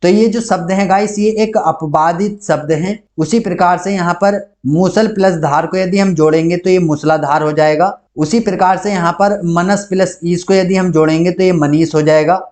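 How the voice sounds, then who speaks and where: A man's voice: high voice, steady tone, normal speed, few pauses, darkish tone. A man teaching an online grammar lesson, walking through each rule and example in a methodical, repetitive way.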